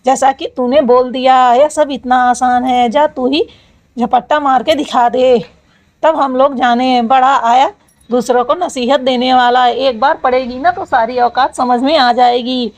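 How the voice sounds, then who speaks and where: A woman's voice: sits high, fairly even intonation, unhurried. A woman voicing a sore, whiny young male college student who complains and scolds his friend. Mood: aggrieved.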